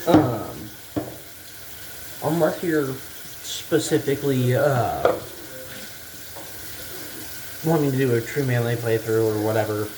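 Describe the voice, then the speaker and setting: A man's voice: medium pitch, expressive, unhurried, darkish tone, rough recording. A man giving rambling, unscripted game commentary, thinking aloud in a casual, hesitant and bluntly sweary way. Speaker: gaming video maker. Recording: clear background noise like running water.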